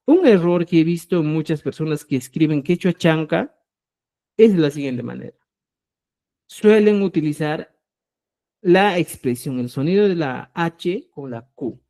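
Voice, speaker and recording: A man teaching a live online Quechua class, explaining sounds slowly and checking in often with the listeners. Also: on the high side, expressive, dark tone. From Peru. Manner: explanatory, keeps checking in with "¿ya?", spells out syllables slowly.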